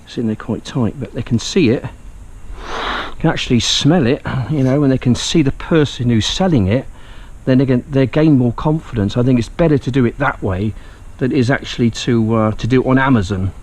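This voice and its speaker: Recording a video diary outside, a man from England rambles in a chatty, self-mocking way, joking about himself. He speaks a little fast in a medium-pitched voice with a darkish tone.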